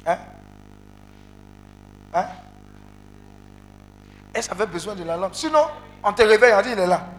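A male preacher leading an interactive sermon, calling out to the congregation and breaking into loud exclamations. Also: high-pitched, moderate pace. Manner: animated, calls out to the congregation, bursts into loud exclamations. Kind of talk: interactive sermon with call and response.

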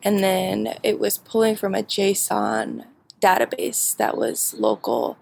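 A young woman answering interview questions about her bootcamp projects, halting with many fillers and frequent laughs. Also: mid-range voice, very animated, creaky, darkish tone, a little hiss or hum. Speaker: bootcamp graduate.

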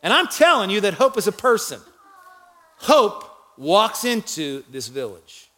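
Guy preaching a sermon, high voice, bright and punchy, gets loud then drops way down. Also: very animated, a little slow. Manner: preaching with dramatic swings in volume and pitch, shouting the cries. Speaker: pastor.

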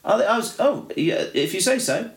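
A man's voice: high-pitched, very animated, fairly quick. A man from the UK co-hosting a podcast in casual chat, rambling along with restarts and fillers. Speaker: podcast co-host.

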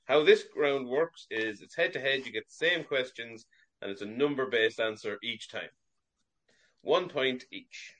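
A man hosts a sports quiz over a video call. He reads each question at a measured, steady pace and keeps score plainly. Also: mid-range voice, dull audio. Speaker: quiz master.

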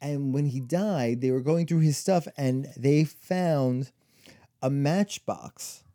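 A man's voice: mid-range voice, slow, warm tone. A man in his forties, co-hosting a casual chat and telling long stories full of "like" and "you know.". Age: 40s. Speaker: podcast co-host.

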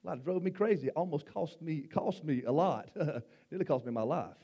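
A middle-aged man preaches, his voice sitting unusually high for a man. He talks in a folksy way, stumbling over repeated words and teasing his congregation. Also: expressive, normal speed, dark tone. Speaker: pastor. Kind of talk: sermon.

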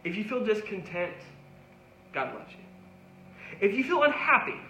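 Earnest high-voiced preacher in an echoey room. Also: male voice, big pitch swings, measured pace, pushed and bright, slight background noise. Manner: earnest, pleading, repetitive calls. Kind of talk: sermon. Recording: echoey room with faint ambience.

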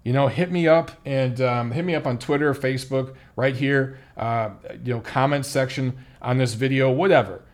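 A man's voice: mid-range voice, moderate pace, hardly any pauses. A man hosting a boxing podcast, giving blunt, profane, exasperated commentary in a casual talking style.

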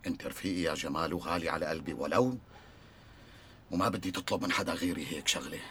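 An anxious, pleading friend. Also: male voice, sits low, quick pace, a bit bright, breathy edge, heavily acted. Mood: worried. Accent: Levantine Arabic. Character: nervous, reluctant friend dragged into arson.

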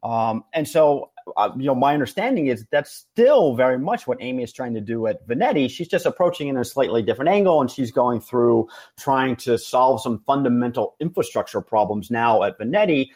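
A man hosting a podcast, explaining things conversationally with halting, repeated words. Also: medium pitch, lively intonation, darkish tone. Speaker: podcast host.

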